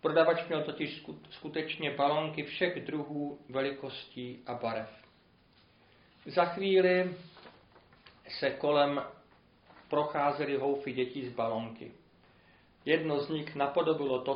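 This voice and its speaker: Earnest man telling a sermon parable. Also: mid-range voice. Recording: roomy, dull lo-fi recording.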